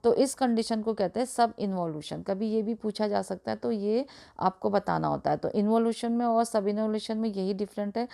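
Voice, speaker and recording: Gravelly-voiced woman lecturing nursing students. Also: mid-range voice, warm tone. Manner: hesitant, fills pauses with "uh", repeats and restates terms. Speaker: nursing tutor. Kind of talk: explanatory lecture in Hindi mixed with English terms.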